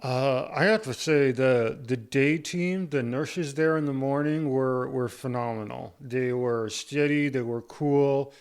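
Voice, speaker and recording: A man's voice: medium pitch, a little slow, few pauses, smooth. A man giving a casual update to camera, talking with difficulty through a restricted jaw held by rubber bands after surgery, with saliva pooling in his mouth.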